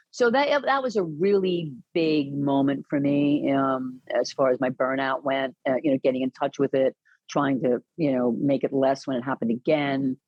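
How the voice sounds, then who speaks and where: A woman guest on an interview podcast, telling a personal story in an earnest, animated way with many restarts. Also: rumbling low, dry recording, highs cut off. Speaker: podcast guest, caregiving advocate.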